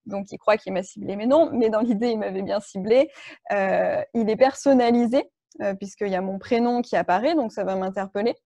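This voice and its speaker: A woman presenting an online training session, walking her audience through each point with a patient, explanatory manner. Her voice is warm and mellow, of middle pitch, and the recording is dry and close with no room echo. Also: a little fast. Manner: explanatory, many fillers and restarts. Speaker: workshop trainer.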